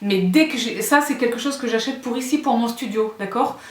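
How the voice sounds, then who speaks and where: A woman's voice: a little high, fairly quick. A woman vlogging about home decor, chatty and gushing, often checking in with her viewers. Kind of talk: casual show-and-tell vlog. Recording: roomy echo.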